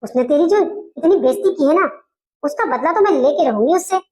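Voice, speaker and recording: A woman's voice: sits high, expressive, a little fast, a little mellow. A woman doing a bossy scheming mother-in-law. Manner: bossy, scolding, tearful complaining.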